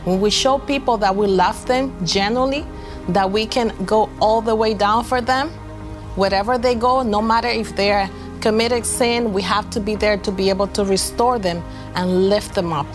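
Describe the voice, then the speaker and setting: A woman's voice: medium pitch, moderate pace, over music. A woman from the Republic, a pastor sincerely telling a personal story and often restarting her phrases. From Dominican Republic. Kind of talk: personal testimony.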